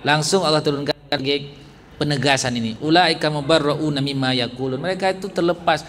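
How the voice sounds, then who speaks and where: A man's voice: on the high side, fairly quick, fairly bright tone. A man preaching a religious family lecture to a live audience in a large hall, engaging the listeners with jokes and questions. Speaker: Islamic preacher. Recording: echoey hall with faint background noise.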